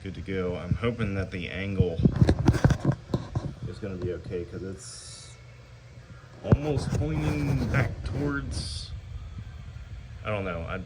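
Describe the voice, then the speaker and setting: A man's voice: low voice, steady tone, moderate pace, very noisy. A man giving a casual step-by-step how-to while working on his van. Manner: plain, practical, explaining step by step. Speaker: DIY van builder.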